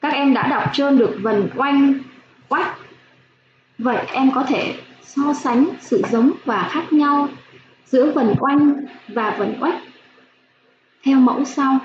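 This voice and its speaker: A woman primary school teacher giving a slow phonics lesson for young children, spelling out sounds clearly with gentle instructions. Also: high voice. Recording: echoey room, dull lo-fi sound, faint hiss.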